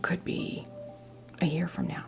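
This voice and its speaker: A woman in her fifties from New Jersey gives an ASMR tarot reading, pausing often as she reassures the listener. Her breathy whisper blends with a soft creaky voice, and music plays behind her.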